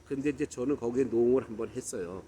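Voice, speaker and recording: A man telling a personal story in a casual monologue, animated and mixing English words into his talk. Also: fast talker, a little hiss or hum. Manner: acts out quoted lines with louder, higher bursts.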